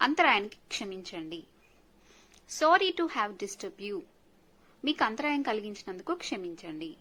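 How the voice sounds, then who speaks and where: A woman teaching polite English phrases, reading each one slowly and then giving the translation quickly. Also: medium pitch, very animated, bright, forceful tone, rough recording. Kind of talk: slow phrase-by-phrase language lesson.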